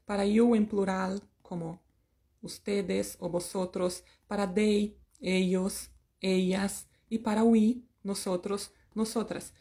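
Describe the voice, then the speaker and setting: A woman teacher explains English grammar in Spanish with a playful, self-mocking humor. Her voice is mellow and soft-toned, and she talks at an unhurried, slow pace. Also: medium pitch, fairly even intonation. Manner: playful, sings snatches of songs and jokes about herself. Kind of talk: online English lesson in Spanish.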